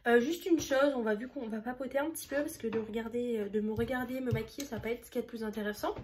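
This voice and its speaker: A woman's voice: a little high, fast talker, a little mellow, a little hiss or hum. A young woman chatting casually and a little rambly while doing her makeup for a vlog tutorial. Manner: chatty, rambling, self-deprecating. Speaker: beauty vlogger.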